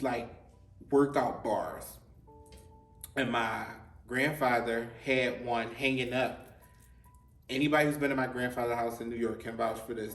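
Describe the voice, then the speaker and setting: A man hosting his own show and telling a personal story in a halting way, repeating himself and often saying "like.". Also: medium pitch. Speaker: host. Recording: roomy, distant mic, faint music.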